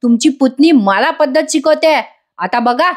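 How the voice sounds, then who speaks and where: A mocking, hot-tempered comic villain, read out by a woman snaps orders and taunts his captive. The voice sits high and light. He sounds bossy and sneering. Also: lively intonation, unhurried.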